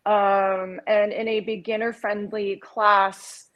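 A woman yoga instructor explaining poses in an unhurried podcast chat, with many pauses and fillers. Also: mid-range voice, level tone, fairly bright tone, poor audio. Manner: unhurried, many ums and uhs, explains pose names carefully. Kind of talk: podcast conversation.

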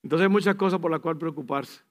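A male pastor preaching a sermon, animated, acting out little scenes, swinging between soft, slow asides and loud bursts, and dropping in English phrases. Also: on the high side.

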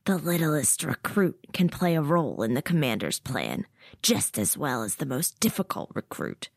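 A man's voice: a little high, very animated, normal speed, vocal fry, breathy edge, dry recording, clean studio sound, full character voice. A woman narrator voicing a cold, menacing male military officer who taunts through clenched teeth.

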